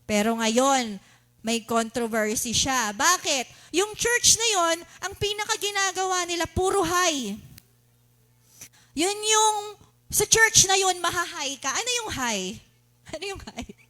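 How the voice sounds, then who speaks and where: A woman with a Filipino accent delivers a sermon in a very high, bright voice. She keeps asking the congregation questions and acts out shouting worshippers with animated energy. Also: a little slow. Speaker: preacher.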